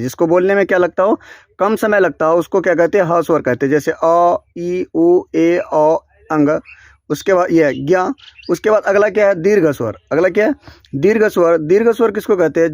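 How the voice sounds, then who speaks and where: A man's voice: high voice, dry recording, studio quality. A man teaching a grammar lesson, asking questions and answering them himself, with frequent restarts and self-corrections. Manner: repetitive question-and-answer drilling. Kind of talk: classroom-style grammar lesson. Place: small room beside a board.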